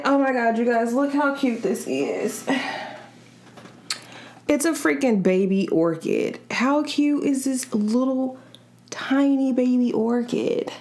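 A young woman from Kansas City vlogging to camera in casual, rambling, slangy chat. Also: mid-range voice. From Kansas City, Missouri side. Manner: chatty and rambling, slangy, restarts often. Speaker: mukbang vlogger.

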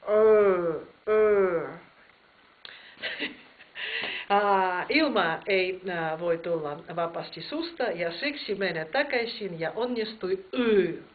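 A woman's voice: on the low side, lively intonation. Woman teaching with hesitant explanations. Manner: slow explanations with frequent hesitations. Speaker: Russian teacher. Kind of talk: language lesson. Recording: tinny phone-like sound with faint noise.

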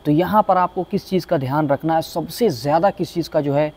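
A man's voice: a little high, brisk, a little mellow. A man teaching a workshop safety lesson as an auto technician, earnest and pleading, often repeating himself. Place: car workshop.

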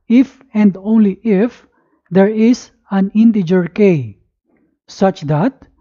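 A woman reading a scripted lesson as if dictating, word by word with pauses, spelling out letters and punctuation. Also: mid-range voice, warm tone, lo-fi sound. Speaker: math lesson presenter. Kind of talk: scripted lesson narration, read aloud.

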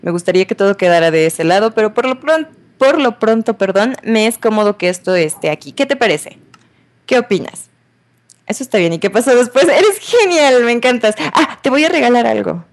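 A woman's voice: medium pitch, animated, a little fast. A woman giving playful, chatty let's play commentary as a gamer, talking to the game's characters in a teasing role-play.

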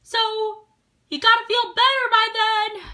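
A woman's voice: extremely high pitch, a little slow, sharp tone, pitched above the performer's own voice, full character voice. A woman voicing a friendly, caring young girl who checks on a sick friend in a plush toy comedy skit. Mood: concerned. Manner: concerned, chatty.

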